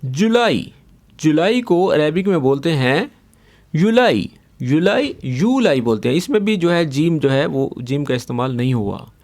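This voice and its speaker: A man's voice: a little high, expressive, normal speed, hardly any pauses, darkish tone. A young man, teaching a casual language lesson and patiently repeating each word several times. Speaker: Arabic teacher.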